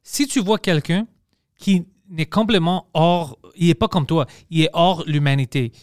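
A man hosting a podcast, talking in an earnest, measured way and often agreeing with his guest. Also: a little high, no room sound, studio quality. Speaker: podcast host. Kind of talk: casual podcast conversation.

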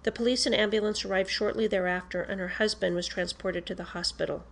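A woman reading a police interview report aloud in a formal, measured, matter-of-fact way. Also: mid-range voice, steady tone, gravelly, a little hiss or hum.

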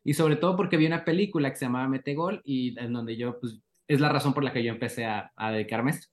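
A man with a Mexican accent, a guest on a podcast, telling lively anecdotes and acting out the dialogue in them. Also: medium pitch, fast talker. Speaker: animator guest. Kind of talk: casual podcast interview.

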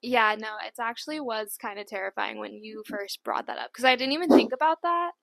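A woman's voice: fairly high pitch, a little fast, gravelly, fairly bright tone, no room sound. A woman in her twenties co-hosting a podcast in casual, giggly chat. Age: 20s. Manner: giggly, chatty, upbeat. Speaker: podcast co-host.

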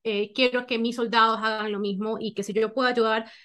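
A woman from Ecuador with an Ecuadorian Spanish accent, a guest in an interview, talking warmly with many "eh" fillers. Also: on the high side, little pitch movement, a little fast. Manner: warm, heavy filler "eh". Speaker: interview guest, army officer. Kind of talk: casual interview chat.

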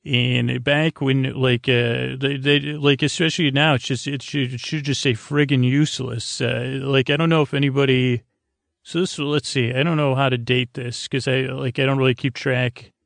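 A gravelly, creaky-voiced American man hosts a bedtime sleep podcast in a mid-range voice that moves little in pitch and has a fairly bright tone. There's no echo, and his halting, meandering monologue trails off and circles back.

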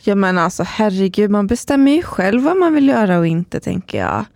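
Woman host, encouraging, mid pitch, dry close sound. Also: very animated, a little mellow, no room sound. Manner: encouraging, asks follow-up questions. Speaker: podcast host. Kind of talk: casual chat.

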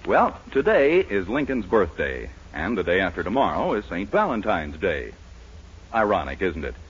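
A radio announcer and narrator speaks in a low voice with big pitch swings at a moderate pace. His delivery is polished, theatrical and scripted in 1940s style, heard on a muffled old broadcast recording.

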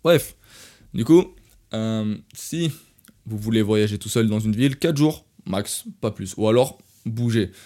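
A young man hosting a podcast, telling a travel story in a casual, animated way and talking straight to listeners. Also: lowish voice, unhurried. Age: young adult. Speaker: podcast host.

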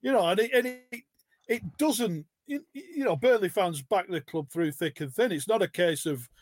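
A man on a football fan podcast panel, talking casually with lots of restarts and quick laughs. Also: high voice, expressive, no room sound. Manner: rambling with many restarts, laughs often.

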